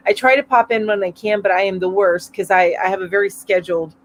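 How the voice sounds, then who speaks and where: Speaking fast in a mid-range voice with fairly even intonation, this middle-aged woman runs a casual weekly live chat from her mountain-area home. She rambles chattily through viewer comments with lots of fillers and laughter, her voice slightly stuffy from allergies, and there's a bit of background noise.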